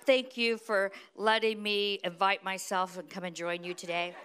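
A middle-aged American woman preaching at a conference in short, deliberate phrases, pausing for an interpreter. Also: medium pitch, little pitch movement, fairly bright tone, smooth. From United States. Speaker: guest preacher.

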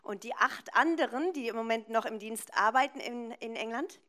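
A woman's voice: fairly high pitch, moderate pace, a bit bright. A woman interpreting a preacher live, phrase by phrase, in a consecutive style.

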